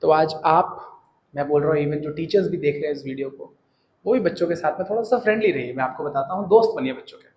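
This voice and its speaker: Man, teacher, earnest motivational talk, slightly high voice, roomy echo. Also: quick pace, a little hiss or hum. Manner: earnest, animated, addresses students directly.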